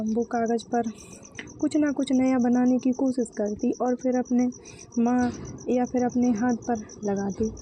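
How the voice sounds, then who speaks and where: A woman narrating a moral story in a calm, steady scripted manner. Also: a little high, a little hiss or hum, rough recording.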